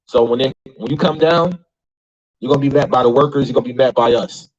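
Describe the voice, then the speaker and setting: A man's voice: medium pitch, brisk. A man speaking as a labor union leader at an outdoor rally, rousing and defiant, with emphatic repetition. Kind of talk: rally speech. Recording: dull lo-fi recording.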